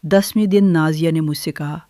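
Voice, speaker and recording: An older woman telling her own family story in the first person, in a measured, gentle way. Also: deep voice, steady tone, no room sound, clean studio sound.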